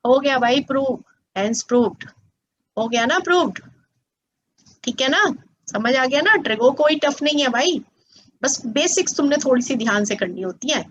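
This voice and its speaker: A woman's voice: high-pitched, animated, measured pace, long pauses, a little hiss or hum. A woman teaching maths to students as a tutor, patient and coaxing, often checking that they follow. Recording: slightly dull lo-fi sound.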